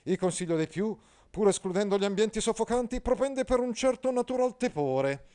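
A man reading aloud as a pedantic, pompous knight who lectures stiffly and without pause. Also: high-pitched, animated, dark tone, clear, resonant tone, voice pushed up. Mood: pompous, lecturing.

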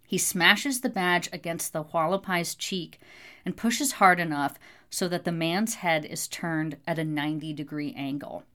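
A woman reading an audiobook in steady scripted narration. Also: lowish voice, unhurried.

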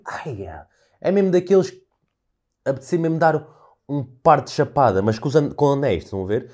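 A young man with a European Portuguese accent talks alone into his podcast mic, spinning everyday stories into an animated rant full of casual swearing. His voice is mellow and warm, sitting at an ordinary pitch. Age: young adult. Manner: animated storyteller, ranting, swears freely. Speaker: podcast host. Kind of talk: casual solo podcast monologue.

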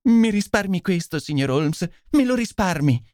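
A man's voice: a little high, expressive, moderate pace, a little mellow, no room sound, clean studio sound, pitched above the performer's own voice, close to an everyday voice. A man voicing a pleading, tearful noblewoman. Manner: pleading, breathless, imploring. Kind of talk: audiobook character voice.

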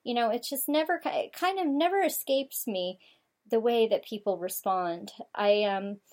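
A woman's voice: on the high side, normal speed, a little mellow. A woman from the United States hosting her own talk show, rambling through her thoughts with many fillers and restarts. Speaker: show host. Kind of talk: casual talk show monologue.

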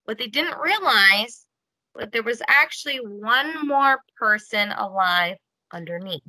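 A woman with a higher, bright voice tells a story in a casual chat. She talks in an animated way, with lots of "like" and "okay", and acts out the quotes. The recording is dry and close. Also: unhurried, no room sound, rough recording. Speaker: podcast host.

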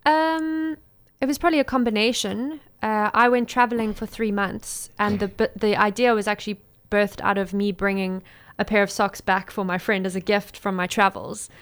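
A young woman with a South African accent talks as a guest in a casual interview. Her voice is smooth and clear at a middling pitch, and her manner is informal and easygoing in wording. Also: steady tone, moderate pace. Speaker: interview guest, small business owner and designer.

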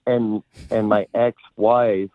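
A man's voice: on the low side, level tone, slow, no room sound. A man calling in to a radio show to tell a long, rambling story full of fillers. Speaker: radio caller. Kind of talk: call-in storytelling. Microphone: telephone. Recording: tinny phone line.

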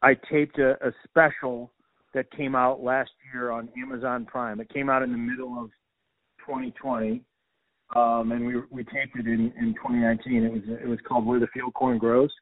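A man's voice: mid-range voice, flat delivery, moderate pace, dry recording. A male comedian from the Midwest, chatting in a rambling, self-deprecating way with lots of restarts, over a phone line. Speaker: stand-up comedian. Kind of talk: casual phone conversation. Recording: dry tinny phone line.

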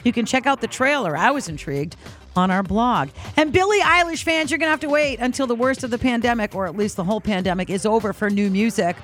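A woman's voice: fairly high pitch, animated, fast talker, a bit bright, slight background noise. A woman presenting a morning radio show, moving between chatty banter and news reads in an upbeat, conversational way. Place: radio studio. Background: faint music bed.

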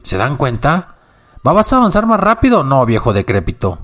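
A man voicing a shrill, rude and impatient hunchbacked young man in a story reading. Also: sing-song, moderate pace.

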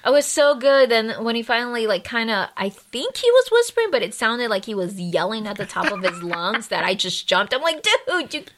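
A woman's voice: fairly high pitch, animated, a little fast, hardly any pauses, fairly bright tone. A woman co-hosting a podcast in casual chat, jumping in to finish her partner's sentences. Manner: chatty, jumps in to finish his sentences. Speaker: podcast co-host.

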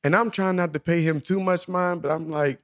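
A man's voice: fairly high pitch, fairly even intonation, brisk, no echo. A man guest on a podcast spins a long story in a loose, rambling way. He keeps stopping to restart his sentences and fills the gaps with "uh" and "like". His voice is close and dry, with no room sound. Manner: rambling, full of fillers and restarts. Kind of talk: casual storytelling.

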